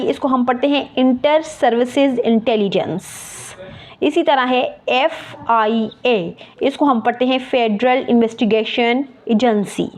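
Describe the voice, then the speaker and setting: A woman teacher explaining a lesson, spelling words out letter by letter and repeating key terms. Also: fairly high pitch. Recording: muffled lo-fi recording.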